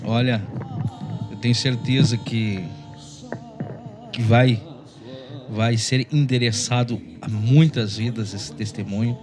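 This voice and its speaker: Calm, flat-toned pastor host. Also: male voice, medium pitch, slow pace, long pauses. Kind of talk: interview with a church guest. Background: background music.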